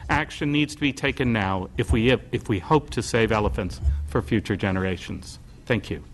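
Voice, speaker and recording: A man's voice: lowish voice, moderate pace, a little hiss or hum. A man testifying before a legislative committee, reading a prepared statement in an urgent, formal way.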